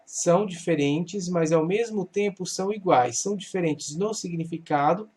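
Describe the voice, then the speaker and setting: A man with a fairly high voice walks students through an English grammar lesson. He talks slowly and patiently. He poses a question, then answers it himself. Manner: patient, explains slowly, asks and answers his own questions. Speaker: English teacher.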